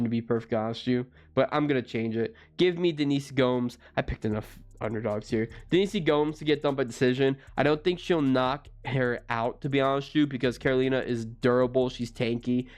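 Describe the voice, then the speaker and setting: A young man in his twenties, rambling through casual fight predictions with lots of self-corrections. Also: mid-range voice. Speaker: MMA fight previewer.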